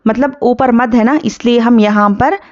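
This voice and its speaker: A woman's voice: on the high side, darkish tone, muffled recording. A woman teaching tajweed, patiently drawing out each word of the recitation before she explains the rule that applies. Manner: slow and patient, drawing out Arabic words, then explaining the rules. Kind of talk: Quran recitation lesson.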